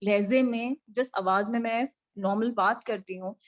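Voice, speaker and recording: A woman's voice: moderate pace, lo-fi sound. A woman with an Indian accent coaching pageant finalists over a video call, projecting her voice energetically and mixing English and Hindi as she directs them. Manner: energetic, projected voice pitched above her normal talk; mixes English and Hindi, coaxing and directing the class. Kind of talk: live online coaching session.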